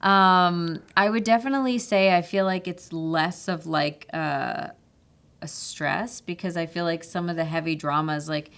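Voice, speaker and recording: A woman actress talking casually on a podcast, animated and full of "like" fillers. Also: fairly low pitch, measured pace, clean tone. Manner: animated, laughing storyteller with "like" fillers. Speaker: actress guest.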